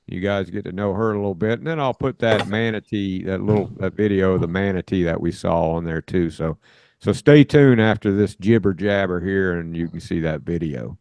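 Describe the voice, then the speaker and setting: An older man talks in a low, loose and folksy way, wandering through his thoughts with plenty of "uh"s and "you know"s. The sound is close and dry, with no room around it. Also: fairly quick, gravelly, a little mellow, no echo. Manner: rambling, folksy, many fillers and restarts. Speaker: podcast co-host. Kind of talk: casual chat and interviewing.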